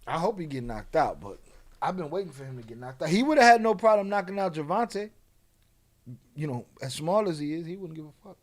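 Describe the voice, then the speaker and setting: Male stream host, slightly high voice, loose and profane, thinks out loud. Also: big pitch swings, fairly quick. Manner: profane, rambling, thinks aloud. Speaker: livestream host. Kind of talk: casual livestream chat.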